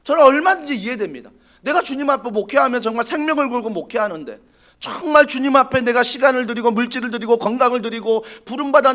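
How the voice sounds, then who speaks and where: A male pastor preaching a sermon, dramatic, swinging from loud pleading to a hushed whisper. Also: extremely high pitch. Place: church sanctuary.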